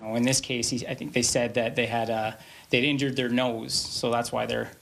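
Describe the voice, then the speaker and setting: A man gives an interview as a police spokesperson. He is plain-spoken, with a creaky, gravelly edge and an average pitch. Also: little pitch movement, moderate pace, a bit bright, slight background noise. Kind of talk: interview soundbite.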